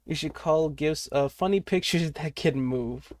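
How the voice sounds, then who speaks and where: A man's voice: a little high, measured pace. A young man streaming while he draws, chatting casually, rambling and swearing, muttering to himself as he works. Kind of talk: casual livestream chat while drawing.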